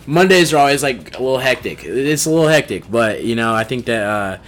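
A man's voice: mid-range voice, big pitch swings, brisk, a bit bright. A young American man in his twenties hosting a casual podcast with slangy, profane frat-bro talk, full of bro and dude. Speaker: podcast host.

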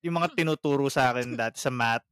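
A man's voice: mid-range voice, quick pace, fairly bright tone, clean tone, no echo, studio quality. A man who is a guest on a casual podcast, speaking in a laid-back, joking way and mixing Tagalog and English.

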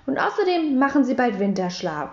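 A woman doing a forgetful, bossy young schoolgirl in a storybook, speaking high and matter-of-fact. The recording is roomy and somewhat muffled. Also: sing-song, fairly quick.

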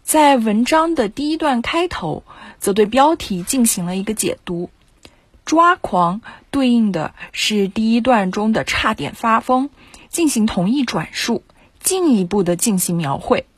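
A woman teacher explains how a pupil's essay is built, step by step. Her voice is fairly high and husky, recorded close and dry with no room sound. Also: animated, no room sound. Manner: measured, explanatory. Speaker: writing teacher. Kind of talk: essay commentary.

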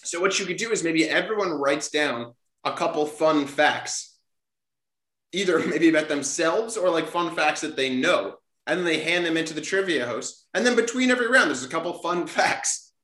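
Bright-voiced man with a cracking voice. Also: fairly high pitch, moderate pace, roomy sound. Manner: animated, laughs while talking. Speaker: podcast host. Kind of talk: casual podcast chat.

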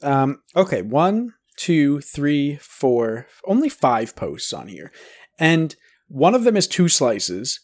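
A man co-hosting a casual podcast chat with animated, teasing banter. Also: on the high side, slow. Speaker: podcast co-host.

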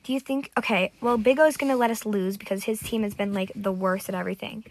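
A woman chatting through a video game with excitable, dramatic outbursts. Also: mid-range voice, fast. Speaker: gamer. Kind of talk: casual gameplay commentary.

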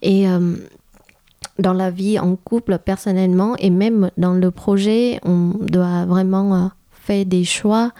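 Slow-spoken woman from Vietnam. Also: medium pitch, fairly even intonation, warm tone. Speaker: interview guest, café co-founder. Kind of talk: casual interview talk.

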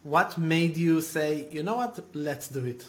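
A man hosts an interview podcast with a slightly high voice at a measured pace, asking eager, leading questions and frequently starting his sentences over.

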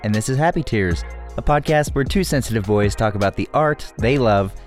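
A man co-hosting a casual podcast, playful and quick to laugh at his own slips. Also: on the low side, lively intonation, music in the background. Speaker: podcast co-host.

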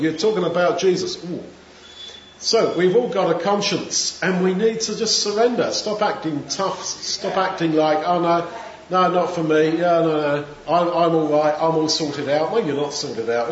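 Male preacher, conversational sermon, dull lo-fi recording with faint hiss. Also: a little high. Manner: conversational, acts out crowd voices. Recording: echoey room, dull sound, faint noise.

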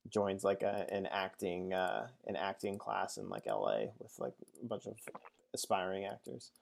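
A laid-back man talks through the shows he has been watching in an easygoing chat. He laughs easily and keeps a relaxed tone. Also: low voice, moderate pace, vocal fry. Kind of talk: casual chat.

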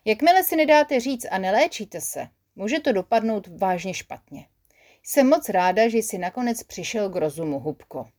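A woman's voice: medium pitch, animated, a little mellow, natural voice. A woman voicing a kind but firm female creature who nurses the sick, soothing and instructive. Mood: relieved.

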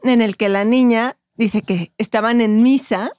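A woman co-hosting a casual podcast, her voice a little above average in pitch as she recounts a story at an easy pace. The sound is close and dry. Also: fairly even intonation, a little slow, a little mellow, clear, resonant tone, dry recording.

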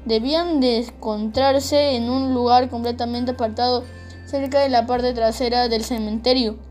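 High-voiced woman narrating a children's book. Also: steady tone, normal speed, darkish tone, faint music behind.

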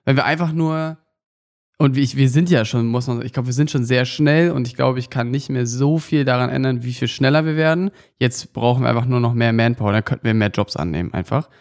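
A young man in his twenties talks freely as a podcast guest. His voice has a gravelly edge, and his sentences wander and stop partway through. He fills the gaps with hesitant sounds. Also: mid-range voice, a little mellow. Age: 20s. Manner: rambling, many fillers and restarts. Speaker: guest, agency founder and filmmaker. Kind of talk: casual podcast chat.

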